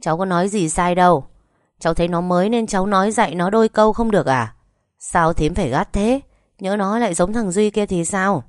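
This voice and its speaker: A woman's voice: medium pitch, no room sound, studio quality, voice pushed up, natural voice. A woman voicing a defensive young man who argues back at his aunt. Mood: indignant. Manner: quick, indignant.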